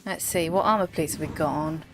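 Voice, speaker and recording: A woman with a deep voice, slightly worn by a cold, streams a game and chats casually with her viewers, giggling often and addressing chat members by name. Her intonation is fairly even, her pace brisk, and music plays underneath.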